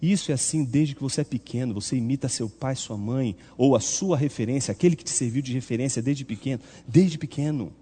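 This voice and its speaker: A man preaching a sermon in an animated, rhetorical way, acting out the voices he quotes. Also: medium pitch, brisk, hardly any pauses, slightly rough. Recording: long reverb.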